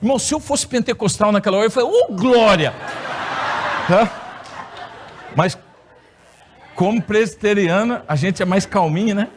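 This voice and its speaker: A man's voice: sits high, fairly quick, background noise. A middle-aged Brazilian man preaching in a church, telling a personal story with playful humor. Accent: Brazilian Portuguese. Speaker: pastor. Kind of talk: sermon testimony. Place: church hall.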